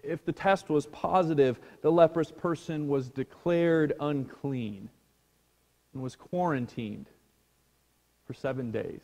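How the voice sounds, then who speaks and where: A man preaching a sermon as a pastor, slow and hushed, sinking almost to a whisper on key words. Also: a little high, in a large hall. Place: church sanctuary.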